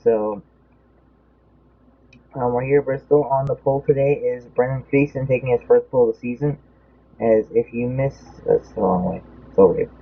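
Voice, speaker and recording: A young man with a mid-range, gravelly voice speaks at normal speed, with long pauses, while casually commenting on a race. He rambles and loses track of his count mid-sentence, his voice feels a bit off, and the audio is tinny and phone-like.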